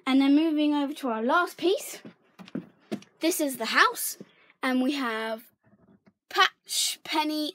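A young woman talks through a tour of her toy stable in a bright, fairly high voice. She is chatty and giggly, drops into whispered asides now and then, and films on a handheld phone indoors in her bedroom. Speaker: toy barn vlogger. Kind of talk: casual toy tour narration. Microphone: handheld phone camera.

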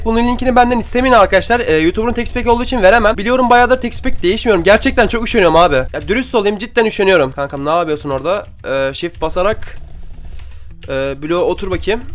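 A young man chats over his own gameplay in a high, bright-sounding voice, firing off words at a quick clip. He keeps up a running patter, taunting opponents and breaking into excited outbursts. Keyboard and mouse clicks sit close to his desk microphone. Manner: chatty, trash-talking opponents, excitable outbursts. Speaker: gaming YouTuber. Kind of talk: casual gameplay commentary.

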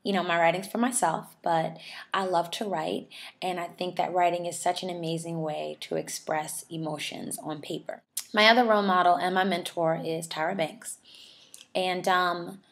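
Answering questions from viewers, this New York model in her twenties, who is also a charity ambassador, keeps things warm and talkative and laughs a lot. She speaks at a normal speed with a lowish voice and fairly even intonation.

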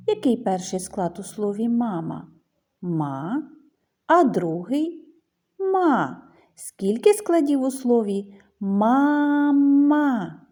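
A woman teacher giving a lesson to young children, talking in a slow sing-song way and drawing out her words. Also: medium pitch, warm tone, slightly rough.

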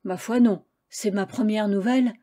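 A woman's voice: medium pitch, fairly even intonation, moderate pace, warm tone, natural voice. A woman voicing a naive, apologetic tavern keeper's wife in a storybook reading. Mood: confused.

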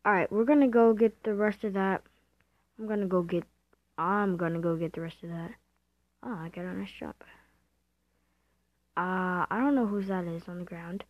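A woman giving casual gameplay commentary, excitable and self-mocking, thinking aloud as she plays. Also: fairly low pitch, normal speed, long pauses, no echo. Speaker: gamer. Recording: dull lo-fi dry home recording.

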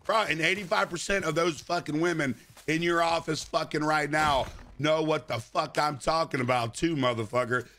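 A man livestreaming game commentary in a brash, animated frat-bro manner, swearing constantly and exclaiming. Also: a little high, normal speed. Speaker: video game livestream host. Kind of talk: livestream gaming chat and commentary.

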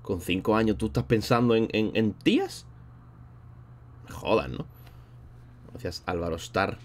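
A man's voice: fairly low pitch, a little slow. A man streaming live, chatting casually and rambling in a slangy way while thanking viewers between thoughts. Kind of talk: casual livestream chat.

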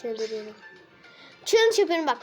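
A young woman hosting a card game stream, chatting excitably to her viewers and complaining dramatically when she loses. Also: high-pitched, moderate pace, over music. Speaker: gaming channel host. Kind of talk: casual game commentary.

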